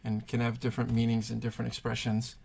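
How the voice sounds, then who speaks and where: Gravelly-voiced man teaching Spanish grammar. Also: medium pitch, monotone, fast talker, darkish tone. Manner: patient, thinking aloud with fillers. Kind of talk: explaining grammar at a whiteboard.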